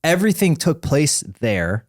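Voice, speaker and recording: A man's voice: a little high, big pitch swings, unhurried, dry recording, clean studio sound. A man in his forties, co-hosting a podcast in casual chat and rambling through fillers and restarts. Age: 40s. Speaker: podcast co-host.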